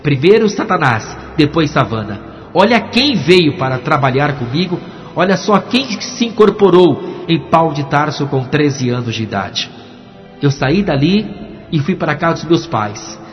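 A man's voice: a little high, animated, normal speed, soft background music. A pastor giving a dramatic testimony sermon, acting out the voices in his story. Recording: dull recording with long hall reverb.

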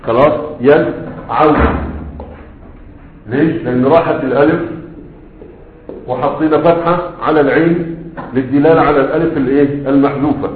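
Man, Egyptian Arabic accent, grammar teacher, rhetorical questions, slow drilled examples, somewhat high voice, echoey room. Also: steady tone, a little hiss or hum. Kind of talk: classroom grammar lesson. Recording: tinny phone-like audio in an echoey room.

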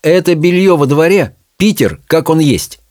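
A man voicing a brisk, no-nonsense middle-aged witch who is also a mother, in a storybook reading. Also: fairly high pitch, expressive, darkish tone, dry recording, studio quality, voice pushed up, lightly acted.

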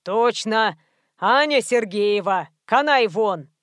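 A woman putting on a gruff old watchman. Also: medium pitch, animated, no room sound, clean studio sound. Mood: angry. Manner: gruff, barking, slow. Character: rude half-blind old male guard.

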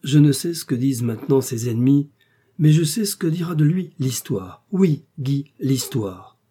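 A man reading as a calm, steely aristocratic wife. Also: mid-range voice, moderate pace, slightly rough, pitched above the performer's own voice. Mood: firm. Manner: firm, calm, cutting. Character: cool, strong-willed aristocratic wife, woman. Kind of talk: audiobook reading.

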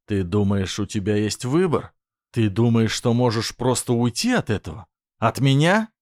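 A man voicing a menacing, possessive man who speaks slowly in a low, threatening tone. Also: dry recording, studio quality, lightly acted. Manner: slow, low, threatening delivery.

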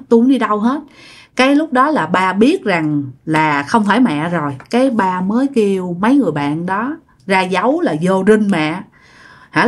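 A woman with a Southern Vietnamese accent telling a ghost story in a chatty way, speaking directly to her listeners. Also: mid-range voice. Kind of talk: spoken ghost story narration.

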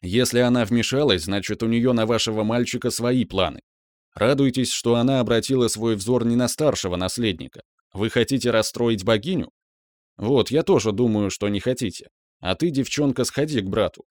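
A man's voice: medium pitch, moderate pace, dry recording, studio quality, close to an everyday voice. A man voicing a stern, commanding older mentor, a veteran mage, in an audiobook. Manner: commanding, matter-of-fact.

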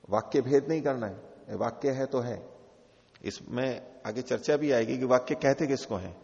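A man's voice: mid-range voice, vocal fry, darkish tone. A man teaching scripture, explaining patiently with repeated rephrasing and worked examples. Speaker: teacher of philosophy. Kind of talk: scripture lecture. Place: teaching hall of a religious retreat. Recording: dull, echoey hall recording.

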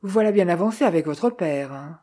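A reader voicing an angry, gruff male millionaire who speaks curtly. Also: mid-range voice, animated, normal speed, dark tone, lightly acted. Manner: curt, barking.

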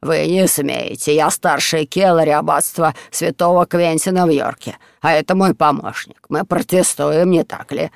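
A man voicing a blustering, self-important monk with a hoarse voice. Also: fairly high pitch, steady tone, normal speed, few pauses, dry recording, studio quality. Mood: indignant. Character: hoarse pompous blustering older male monk.

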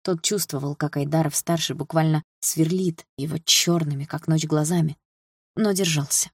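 A man narrating an audiobook in an even storytelling delivery. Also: a little high, normal speed, gravelly, husky, dry recording, studio quality.

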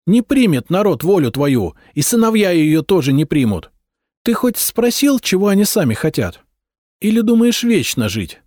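A high, shrill princess, pleading in tears and then arguing back with defiance, as a male narrator puts her on in an audiobook. The voice climbs well above his own and jumps about in pitch, and the recording is dry and close. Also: sing-song, moderate pace, darkish tone, no echo. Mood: defiant. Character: tearful defiant young princess wife.

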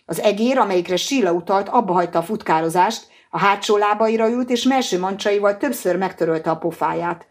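A woman narrating an audiobook in a steady, even reading voice. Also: mid-range voice, hardly any pauses. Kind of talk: scripted narration.

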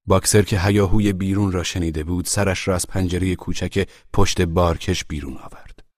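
A man narrating a storybook in a measured, grave, dramatic way. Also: sits low, fairly even intonation, dry recording, studio quality. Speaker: audiobook narrator.

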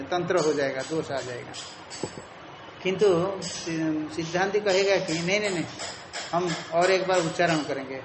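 A man with a high voice lectures on Sanskrit philosophy, going patiently step by step and circling back to repeat each key term. The room is echoey and reverberant, with a faint hum of background ambience. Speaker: Sanskrit teacher.

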